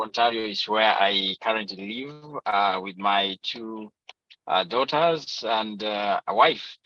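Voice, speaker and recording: A man from Uganda introduces himself on a video call, pausing often on fillers. His voice is bright and sharp, heard dry and dull through the call. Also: on the low side, no echo. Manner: hesitant, many fillers. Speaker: peace ambassador guest.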